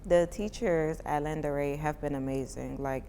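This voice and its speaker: Speaking at a normal speed, a Miami mom in her twenties relaxes into a chatty, informal testimonial about being a parent, with "like" dropped into most sentences. Her voice is low for a woman. Faint hiss sits beneath the audio, and each phrase rings out in long reverb.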